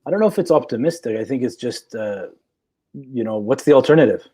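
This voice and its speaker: A man's voice: mid-range voice, lively intonation, brisk, mellow, slightly rough. Assertive man in his forties explaining. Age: 40s. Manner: assertive, lecturing with rhetorical "okay?" checks. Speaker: guest psychologist. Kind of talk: live chat discussion.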